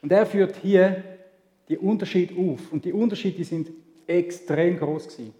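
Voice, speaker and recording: A man's voice: high voice, normal speed, warm tone. A man with a Swiss German accent preaching a sermon in a conversational way, asking rhetorical questions. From Switzerland. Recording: echoey hall with long reverb.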